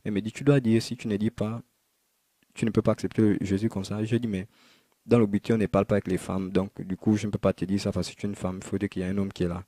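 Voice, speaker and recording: A man recounts his personal testimony in a quiet, halting manner, circling back and restarting his sentences. His voice sits low and dark with little rise or fall. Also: level tone, no echo. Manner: halting, repetitive retelling with many restarts. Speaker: man giving a conversion testimony.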